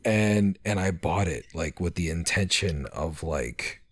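Very deep-voiced laughing man. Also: breathy edge. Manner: laughing, halting, animated storytelling. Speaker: podcast co-host. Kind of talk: casual chat.

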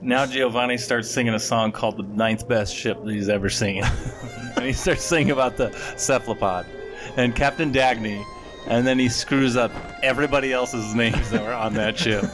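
A male tabletop game player talks casually and narrates his character. His pitch is average. Music runs clearly behind the voice. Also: steady tone, moderate pace.

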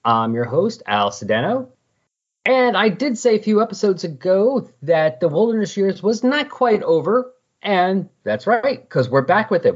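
A man hosts a hobby podcast about comics, talking in a casual, conversational way and reading out a synopsis. His voice sits high and is slightly rough. The recording sounds muffled.

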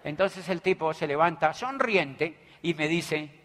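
A man with a Colombian accent giving an animated motivational talk, telling stories and acting out the dialogue. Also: a little high, slow. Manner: animated, tells stories acting out dialogue, keeps asking "do you understand me". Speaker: business motivational speaker. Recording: echoey hall reverb.

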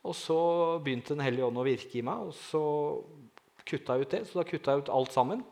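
A man telling a personal testimony in a lively way, often asking his listeners "right?" and swinging from quiet to loud. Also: mid-range voice, vocal fry. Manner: lively, asks the audience "right?", dramatic swings in loudness. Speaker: speaker giving a testimony.

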